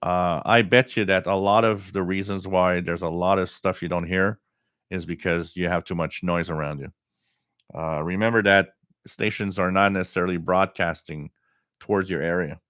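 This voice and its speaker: A middle-aged man hosting a casual live stream, talking in a halting way with frequent pauses as he reads out viewer comments. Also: deep voice, fairly even intonation, fairly bright tone, clean tone, no room sound, clean studio sound. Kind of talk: casual live stream chat about radio.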